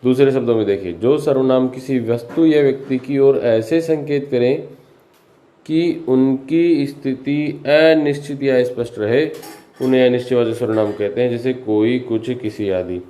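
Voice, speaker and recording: Patient male grammar teacher, mellow voice. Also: medium pitch, moderate pace. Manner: patient, explains each point with examples; speaks with repetitions and self-corrections. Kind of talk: classroom-style grammar lesson.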